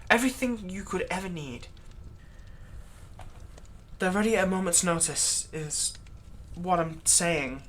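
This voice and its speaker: In a dramatic ASMR roleplay monologue, a woman with a lowish yet fairly bright voice plays a vampire's long-serving human thrall who is trying to persuade her master. She is conversational and halting with a sardonic, exasperated edge, turning emphatic when aggrieved, and her character shifts from pleading to menacing. There is some noise in the background.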